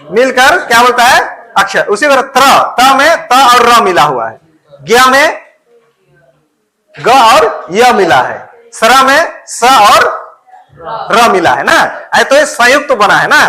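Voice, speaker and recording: High, bright-voiced male teacher. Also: poor audio. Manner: quizzes listeners with questions, then answers them himself; keeps checking in with "okay". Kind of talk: classroom grammar lesson.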